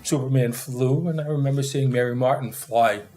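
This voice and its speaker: A man in his sixties with a New York accent, a guest in an interview telling stories about growing up, in a halting way with many fillers. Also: mid-range voice, mellow, slight background noise. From Austria. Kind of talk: casual storytelling interview.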